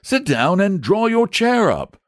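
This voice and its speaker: A man's voice: sits high, very animated, unhurried, dry recording, voice pushed up. A kindly but pompous knight declaims with grand courtesy, his voice lifted and full of swing. A man puts the voice on for a storybook. The sound is close and dry.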